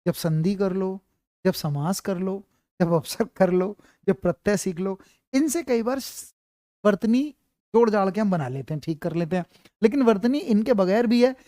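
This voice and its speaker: A man whose voice sits high and warm teaches a grammar class online at a normal speed. Repeating points and checking often that students follow, he reassures them by calling them "beta." The recording is dry and studio quality.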